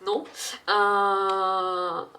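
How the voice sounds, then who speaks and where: A woman's voice: mid-range voice, flat delivery, very slow, bright, forceful tone. Chatty French woman reading tarot. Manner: chatty, hesitant, many fillers, laughs often. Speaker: tarot card reader. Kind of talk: casual spoken tarot reading.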